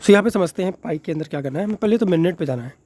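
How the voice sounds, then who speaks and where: Over slight background noise, a crypto video creator races through his explanations in a high, dark-toned voice with lively intonation. Because of a sore throat he keeps it soft, and his casual, chatty Hindi-English talk has many fillers.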